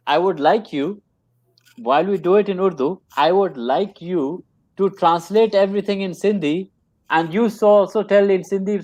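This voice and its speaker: A trainer from Pakistan whose first language is English tells a story during a casual conversation. His voice is on the high side with a darkish tone, he speaks earnestly and often repeats phrases, and the recording is dry.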